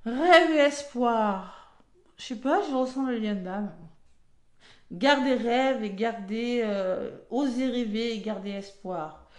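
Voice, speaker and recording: Taking her time, a woman with a fairly high voice does a relaxed weekly card reading for her viewers, addressing them directly. Her chatty delivery is dotted with "hein" and "d'accord," and the room has an echo.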